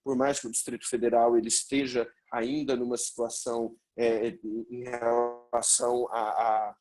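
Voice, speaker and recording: A Brazilian man giving a formal webinar presentation over a video call, his audio glitching and breaking up, with a measured, hesitant delivery. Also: medium pitch, flat delivery, darkish tone, soft background music. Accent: Brazilian Portuguese. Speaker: health official presenting in a webinar.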